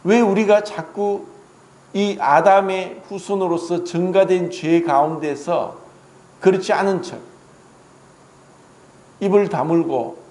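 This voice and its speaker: A man's voice: high voice, slow pace, pauses often, a little mellow, reverberant, rough recording. A male pastor preaching a dramatic sermon in a church, acting out the quoted words of the story. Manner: dramatic, voices Jesus and Peter in quotes.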